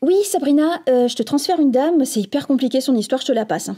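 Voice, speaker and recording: A woman's voice: sits high, lively intonation, fast, mellow, slight background noise. A woman playing a bumbling customer service agent, speaking in a phone-greeting manner in a comic training sketch. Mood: flustered, hesitant. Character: bumbling, slightly flippant call-centre customer service agent. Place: small office set, indoors. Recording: background music.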